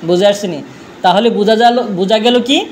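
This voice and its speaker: High-voiced man drilling a class. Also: moderate pace, a little hiss or hum. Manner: drilling with repeated questions. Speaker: teacher. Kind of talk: classroom grammar lesson.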